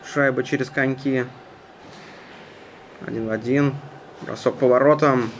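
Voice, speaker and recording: A man giving live hockey play-by-play in a measured, conversational manner. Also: mid-range voice, fairly even intonation. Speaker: hockey commentator. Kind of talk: live sports play-by-play commentary. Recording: noisy ice rink ambience. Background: arena noise.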